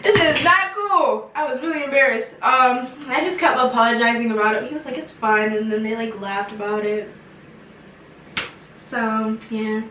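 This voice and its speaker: A woman's voice: fairly high pitch, normal speed, noisy background. Chatty young woman in an echoey room. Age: young adult. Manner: animated, slangy, lots of fillers. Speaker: vlogger. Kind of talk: casual storytime. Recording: echoey room, mic some distance off.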